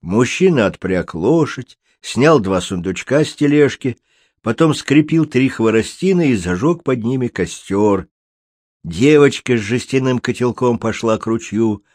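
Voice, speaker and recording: A male audiobook narrator with a mid-range voice reads a storybook aloud in an even, measured manner. The scripted storybook narration is recorded dry, with clean studio sound.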